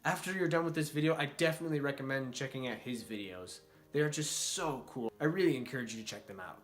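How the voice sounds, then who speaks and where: A man's voice: medium pitch, quick pace, soft background music. A man hosting his own channel, giving a casual, upbeat motivational talk at a whiteboard, chatty and full of jokey asides. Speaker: YouTube host.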